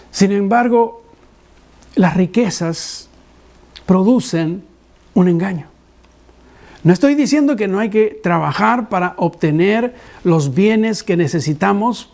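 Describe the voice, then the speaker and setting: Animated male pastor telling a story. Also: high-pitched, gravelly. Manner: animated storyteller who acts out dialogue. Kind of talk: sermon with personal storytelling.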